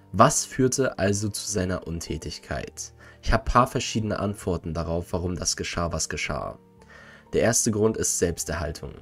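A man narrating a scripted lore video in a measured, analytical way. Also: on the low side. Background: faint music.

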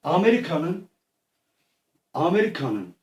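High-voiced man narrating from far off. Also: sing-song, slow pace. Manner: repeats phrases over and over, frantic when shouting. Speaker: storyteller playing out a scene. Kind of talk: improvised play-by-play narration. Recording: echoey room, voice far from mic.

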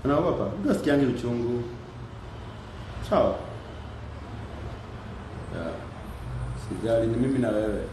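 A man in his thirties talks in a casual vlog, coaxing and encouraging, mixing Swahili and English. His voice sits at a middle pitch. He is recorded on a handheld camera in a roomy, echoey clinic, with steady background noise underneath. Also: moderate pace, pauses often. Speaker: vlogger and father. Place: dental clinic, indoors.

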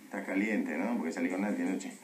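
An actor playing a cocky, joking police detective with an Argentine accent. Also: male voice, low-pitched, fast talker, reverberant, slight background noise, natural voice. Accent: Argentine Rioplatense Spanish.

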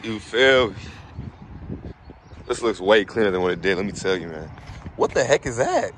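A young adult man vlogs in a quiet indoor room, an old church, with his phone camera held close. His fairly low voice is very animated at normal speed, with slight background noise, as his laid-back, slangy chat drifts into soft, reflective moments.

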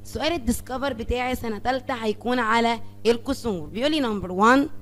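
A woman's voice: a little high, quick pace. A woman with an Egyptian Arabic accent teaching fractions to young pupils, asking questions and answering them herself as she counts aloud. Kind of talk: classroom lesson on fractions.

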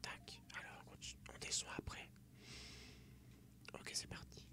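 A young man whispering ASMR game commentary softly and close, right in the listener's ear. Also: normal speed. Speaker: game streamer. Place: small room at home, indoors.

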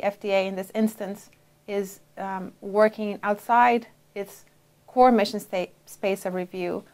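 A woman in her forties, originally from Brazil, answering interview questions in a measured way with frequent pauses and fillers, on a lapel mic in a dark studio. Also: mid-range voice, vocal fry. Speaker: interviewee, FDA official.

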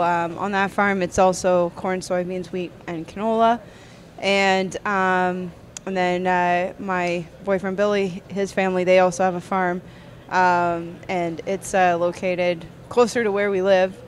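A woman's voice: fairly low pitch, slight background noise. Chatty Canadian woman farmer. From Eastern Ontario, Canada. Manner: chatty, many fillers and restarts, laughs easily. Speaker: podcast guest, farmer. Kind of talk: casual interview chat.

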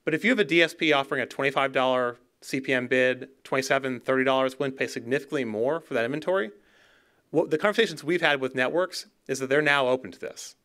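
In a dark auditorium, a man in his thirties delivers a conversational conference keynote from the stage podium into a gooseneck mic. His voice is mid-range and fairly bright at a quick pace, and he sometimes repeats words as he restarts a phrase.

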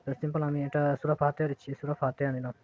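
Fast, flat-voiced man with a tinny sound. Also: a little high. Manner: hesitant, filler-heavy step-by-step talk. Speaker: tutorial presenter. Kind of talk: casual screen-recorded tutorial.

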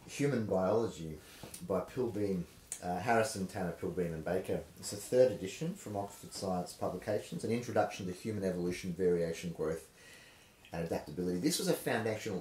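A man's voice: sits low, darkish tone, a little hiss or hum. An Australian man in his forties who moves between casual chat and a playful, rhythmic dramatic reading aloud. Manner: sing-song rhythmic emphasis when reading. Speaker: presenter reading aloud from a textbook. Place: small home study, indoors. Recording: roomy indoor camera sound.

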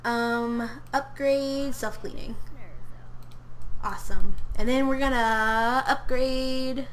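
Speaking slowly in a fairly high voice with mostly even intonation, a young woman from Tennessee streams a game from her home room. She giggles and talks casually to her character and to her chat in relaxed live-stream commentary.

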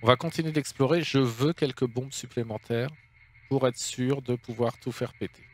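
A man's voice: mid-range voice, normal speed, a little mellow. A man hosts a video game let's play and keeps up a casual running commentary. He jokes as he goes and reads the game's dialogue and news text aloud.

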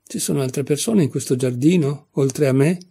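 A man's voice: medium pitch, moderate pace, vocal fry, warm tone, breathy edge, pitched above the performer's own voice. Man voicing Alice, a curious young girl. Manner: earnest, questioning.

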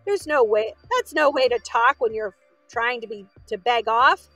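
A woman's voice: fairly high pitch, animated, unhurried, fairly bright tone, no echo, soft background music, rough recording. A woman voicing a jolly male pumpkin who talks in a coaxing, winning way. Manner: persuasive, winning tone.

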